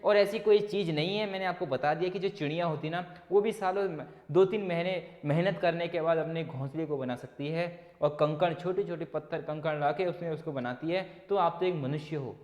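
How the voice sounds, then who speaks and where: A man's voice: high voice, long reverb tail. Hindi maths teacher quizzing his students. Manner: asks students questions and answers them himself; motivating pep talk to students. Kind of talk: whiteboard exam-prep lesson.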